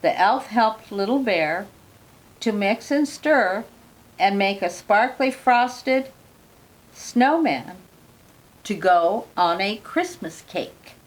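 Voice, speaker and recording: An older woman reads a children's picture book aloud at an unhurried pace. Her voice sits at a middle pitch, and she pauses now and then for gentle asides to the young listener. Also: lively intonation, rough recording. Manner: slow, gentle reading with warm asides to the listener. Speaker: storyteller.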